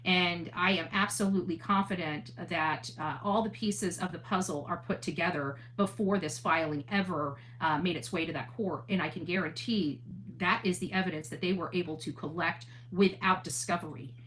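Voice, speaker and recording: Over a low-quality recording with a little hiss or hum, a woman hosts a livestream in a low, steady, somewhat bright voice at a moderate pace. She delivers a casual, earnest monologue, answering chat and repeating and rephrasing points for emphasis.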